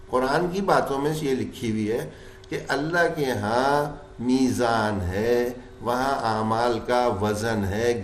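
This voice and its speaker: A man teaches a tajweed lesson in a mid-pitched voice. He moves between plain explanation and slowly drawn-out chanted examples, posing questions and then answering them himself. The recording carries a roomy echo. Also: slight background noise. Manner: explains rules, then stretches words slowly in chanted recitation. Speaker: Quran recitation teacher.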